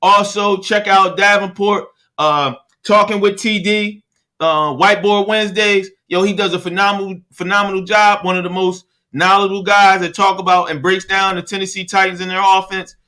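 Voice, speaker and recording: A male podcast host chatting in a relaxed, friendly way and trailing off as he searches for words. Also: high voice, normal speed. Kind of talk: casual podcast interview.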